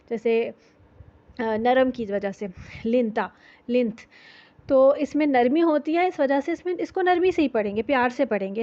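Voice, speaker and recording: A woman teaching Quran recitation rules, explaining patiently and repeating sounds to demonstrate them. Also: high voice. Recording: dull lo-fi audio.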